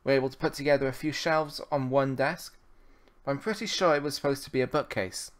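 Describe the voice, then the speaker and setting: A man's voice: medium pitch, steady tone, a little fast. A young British man on a live stream, playfully reading game dialogue aloud and chatting with viewers between lines. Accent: British English. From Britain. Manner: playful, switches between character voices and chat. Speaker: streamer playing a dating game. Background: music.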